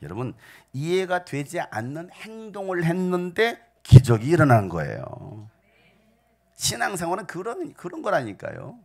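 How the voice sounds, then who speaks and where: A male pastor delivers a passionate sermon with a gravelly, textured voice. His pitch swings widely, and he drops to near-whispers before rising to shouts. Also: wildly swooping pitch, normal speed. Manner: dynamic preaching, swinging between hushed whispers and loud shouts. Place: church sanctuary.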